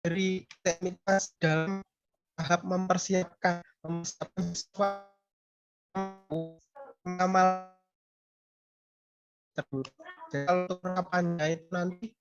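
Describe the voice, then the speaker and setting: A man on a video call hesitantly answering a class question, his voice breaking up and dropping out with many pauses and restarts. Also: high voice, steady tone. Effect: choppy, cutting-out video call audio. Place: home with frequent power outages. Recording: dull lo-fi call audio breaking up, faint guitar behind.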